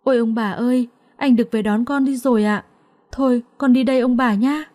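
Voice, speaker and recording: Naive young servant girl, tearful and begging, read by a woman storyteller, lifted pitch. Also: normal speed, warm tone, natural voice. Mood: overjoyed.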